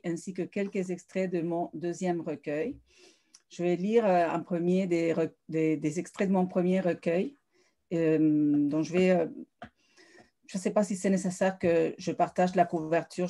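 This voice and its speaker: Flat, mellow-voiced woman reading poetry. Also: lowish voice. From South America. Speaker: poet.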